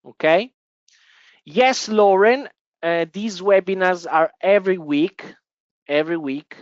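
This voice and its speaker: This high-pitched Italian man takes things slowly as he hosts a live webinar on stock investing, talking to viewers full of fillers and false starts. He's in an office in Italian-speaking Switzerland, and the audio has no echo, with the highs cut off.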